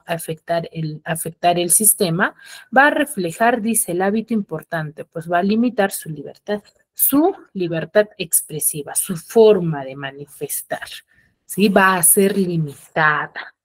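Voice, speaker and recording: A woman teacher from the highlands, giving an online class and checking in with her students through frequent tag questions. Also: lively intonation, a little slow. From Peruvian highlands.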